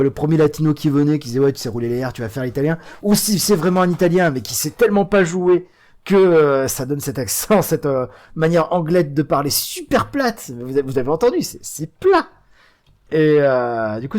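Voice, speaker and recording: A man giving casual, chatty commentary while playing a video game as host of a let's play, mocking it with frequent hesitations and lively swings in pitch and loudness.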